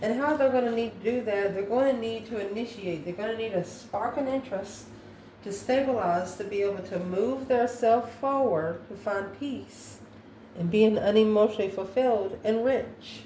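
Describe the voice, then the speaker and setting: A woman with a dark, mid-range voice reads tarot off the cuff at a moderate pace. Musing as she goes, she often asks herself questions and answers them. Faint background noise and a roomy echo color the recording.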